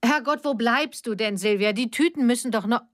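A woman's voice: a little high, brisk, dry recording, studio quality, pitched above the performer's own voice, close to an everyday voice. A woman voicing a nervous middle-aged mother who pleads and defends herself, read as part of an audiobook story. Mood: irritated. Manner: pleading, flustered.

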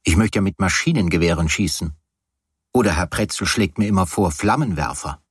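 Weary sardonic sick man, read by a man, deep and husky. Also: lively intonation, fairly quick, dry recording, clean studio sound. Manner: gloomy, sardonic.

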